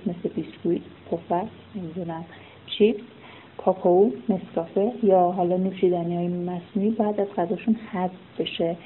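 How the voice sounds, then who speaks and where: A woman who is a physical education expert explains nutrition in informal advice talk, listing examples one by one, recorded separately on a low-quality remote line. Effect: low-quality remote recording, separately made. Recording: tinny phone-like line with faint noise.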